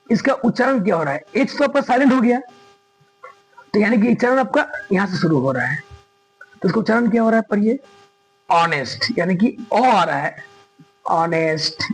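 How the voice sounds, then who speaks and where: A male teacher explains grammar in a very high, husky voice. He talks emphatically, repeats his main points and keeps checking that his students follow. The recording has a thin, lo-fi radio-like sound. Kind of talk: classroom lesson explaining grammar.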